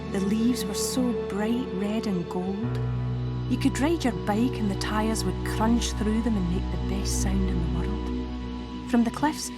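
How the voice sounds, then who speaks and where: A woman's voice: medium pitch, takes it slowly, loud music behind the voice, lightly acted. An actress voicing a shy young Scottish woman student in a game, hesitant and wistful. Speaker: game character. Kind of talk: game voice acting.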